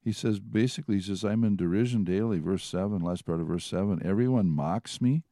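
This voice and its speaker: A man's voice: fairly low pitch, brisk, dark tone, no echo, studio quality. A man teaching from the Bible in a conversational way, retelling and reading passages aloud. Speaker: preacher.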